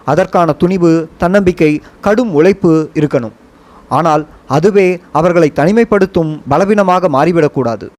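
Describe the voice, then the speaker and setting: Man narrating an audiobook, a touch high. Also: a little mellow. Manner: measured, reflective storytelling. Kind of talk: scripted first-person narration.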